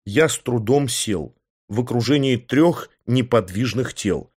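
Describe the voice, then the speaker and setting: A man's voice: medium pitch, animated, a little slow, a little mellow, slightly rough. A man narrating a first-person audiobook with a wry, ironic manner.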